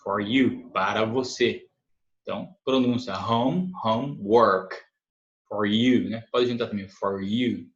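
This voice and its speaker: A man's voice: lowish voice, fairly even intonation. Brazilian man teaching English, echoey room. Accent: Brazilian Portuguese. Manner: patient explanations, frequent "né?" tag questions; reads English example sentences slowly and deliberately. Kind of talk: language lesson, explaining English sentences in Portuguese. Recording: echoey room, dull lo-fi sound.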